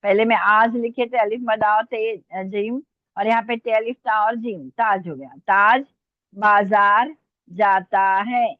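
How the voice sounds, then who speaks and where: Woman teacher dictating slowly over a tinny line. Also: on the high side, no room sound. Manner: slow, deliberate dictation, spelling out letters. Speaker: Urdu teacher. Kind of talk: online language lesson dictation. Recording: tinny phone-like line, dry.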